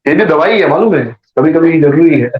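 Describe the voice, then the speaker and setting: A man's voice: fairly high pitch, lively intonation, normal speed. A man giving a sermon as a storyteller, acting out the voices in his story and adding joking asides. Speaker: preacher. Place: temple hall. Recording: echoey dull temple hall recording.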